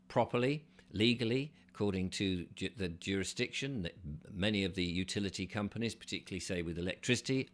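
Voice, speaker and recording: A man's voice: on the low side, fairly bright tone. A man hosting his own video channel, talking unscripted and explaining his ideas step by step in an earnest way. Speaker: channel host. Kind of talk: unscripted solo video monologue.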